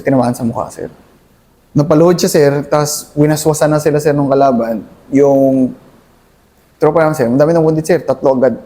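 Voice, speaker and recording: A young man, a Filipino soldier, recounts a battle in a halting interview, calling his listener sir at nearly every pause. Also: a little high, mellow. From Philippines. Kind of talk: conversational war story interview.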